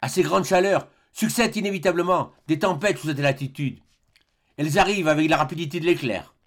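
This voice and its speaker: A man's voice: on the high side, a little fast. A man voicing a determined, commanding middle-aged explorer doctor in an audiobook, speaking in an urgent, rising declamation.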